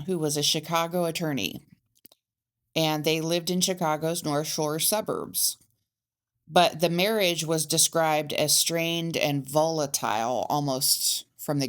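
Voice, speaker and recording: A low-pitched woman walks through a crime case on a casual podcast. She reads the facts in a measured way, with the odd "um" and restart. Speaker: podcast co-host telling the case.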